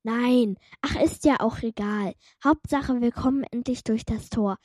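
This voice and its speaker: A woman's voice: a little high, measured pace, a little mellow, no echo, studio quality. A woman voicing a small, cheeky young female demon who teases in a sarcastic way. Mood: teasing. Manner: teasing, sarcastic.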